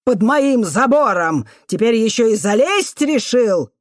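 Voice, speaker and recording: A spiteful old caretaker woman snarls and shrieks abuse in a raised, loud voice, as a female reader puts her on. Her tirades swing high and low with venom. The recording is dry and close, like a storybook audiobook. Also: animated, measured pace, no room sound. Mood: furious. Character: vicious foul-mouthed old female caretaker.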